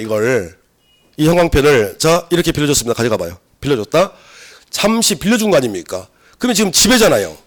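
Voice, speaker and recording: A man giving a classroom law lecture, loud and lively, quizzing the class, slightly hoarse from a cold. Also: mid-range voice. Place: lecture room.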